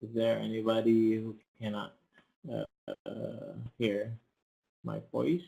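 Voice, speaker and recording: A man's voice: fairly low pitch, completely flat delivery, slow pace, creaky, warm tone, rough recording. A man with an Indonesian accent hosting an online class, checking his mic with hesitant, repeated questions over a video call. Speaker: online course host.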